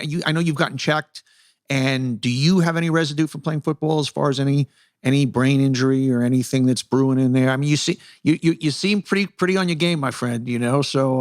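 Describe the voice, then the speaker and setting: A man's voice: medium pitch, no room sound. Chatty male host, dry close sound. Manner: chatty, affirming, stumbles into questions. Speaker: podcast host. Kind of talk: conversational interview.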